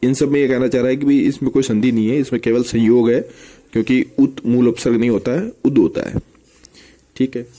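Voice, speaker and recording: A man teaching a grammar lesson for exam preparation, breaking each example word into parts and repeating it slowly with tag questions. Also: mid-range voice, fairly even intonation, dark tone.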